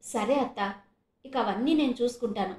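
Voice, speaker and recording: Reassuring young nephew, read by a woman, high voice, echoey room. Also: normal speed, natural voice. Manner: warm, reassuring. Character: kind young man, nephew with a job.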